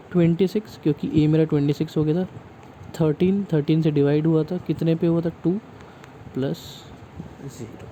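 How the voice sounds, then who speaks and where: A man's voice: fairly high pitch, mellow, slight background noise, poor audio. A man teaching a math lesson, explaining step by step and checking in often with the class.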